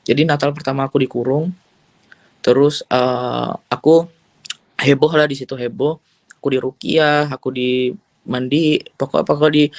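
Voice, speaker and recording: A man's voice: medium pitch, dry recording. A young man giving a personal faith testimony as an interview guest, telling it casually and earnestly and dropping in English phrases. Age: young adult.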